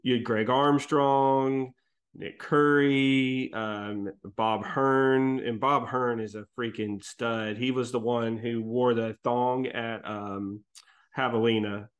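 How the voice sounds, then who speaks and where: A man's voice: medium pitch, fairly even intonation, slow pace. A man hosting a casual interview, chatty and self-deprecating, often stumbling as he starts a question. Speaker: podcast host interviewer.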